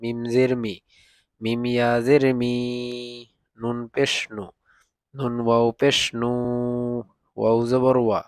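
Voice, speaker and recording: A man teaching Quran reading, drilling letter sounds slowly and patiently. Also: medium pitch, little pitch movement, darkish tone, dry recording. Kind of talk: recitation lesson, spelling out letters.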